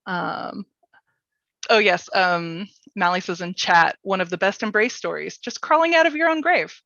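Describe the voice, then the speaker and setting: Presenting a relaxed storytelling workshop, this woman jokes around and clearly loves the material she's covering. She talks at a normal speed in a mid-range, creaky, fairly bright voice, captured dry on a close mic that sounds dull.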